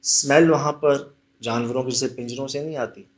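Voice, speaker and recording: A man, a paranormal investigator retelling a haunted visit in a lively, dramatic way. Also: medium pitch, moderate pace. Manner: animated, dramatic retelling with rising emphasis. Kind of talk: casual storytelling chat.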